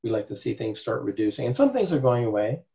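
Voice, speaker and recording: A man's voice: medium pitch, very animated, fast talker, gravelly, dark tone. A man, a therapist, giving an informal class to a group. He talks emphatically and rambles, and he often asks rhetorical questions. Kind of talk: informal teaching talk. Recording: dull lo-fi recording.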